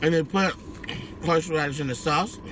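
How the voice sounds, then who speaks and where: A man's voice: on the high side, moderate pace. An American man chatting casually to viewers as he eats, chewing while he talks and humming with relish. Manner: chewing while talking, savouring hums. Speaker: mukbang vlogger. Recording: clear background noise, car ambience.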